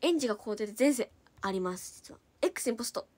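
A young woman idol chatting casually on a livestream, reading out and thanking viewer comments, quick-talking, now and then slipping into a Hiroshima dialect. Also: on the high side, animated, a little mellow, no echo. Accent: Hiroshima dialect in places.

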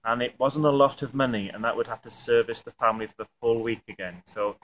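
Standing in an outdoor museum yard near stone buildings, a Welsh tourism representative in his thirties, native to Wales and a Welsh speaker, fields interview questions for the camera. He talks fast and hesitantly in a mid-range, slightly bright voice, stumbling through fillers and restarts. The outdoor camera mic yields low-quality audio with background noise.

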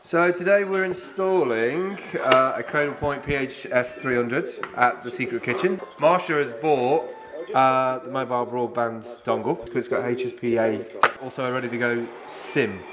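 A young man talking casually to the camera as a vlogger, in a relaxed and friendly way. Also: medium pitch, moderate pace, music in the background. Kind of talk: casual vlog chat. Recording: noisy background.

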